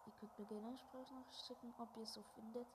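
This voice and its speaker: Young gamer on a headset, whispery running commentary with sudden loud outbursts, faint noise behind. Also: mid-range voice, level tone, fast talker. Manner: often drops to a whisper, bursts into loud exclamations. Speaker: gaming video creator. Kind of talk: casual gameplay commentary.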